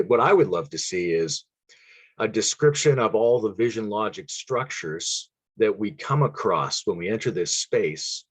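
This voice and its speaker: Chatting casually as a guest on a podcast, a man muses loosely through lengthy theoretical ideas, letting out an occasional chuckle. His voice is lowish, and there's no echo.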